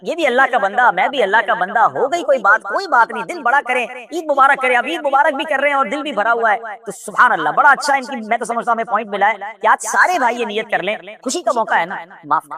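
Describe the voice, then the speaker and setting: A man hosting a religious discussion show, coaxing viewers and guests in a lively, direct way. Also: very high voice, hardly any pauses. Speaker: show host.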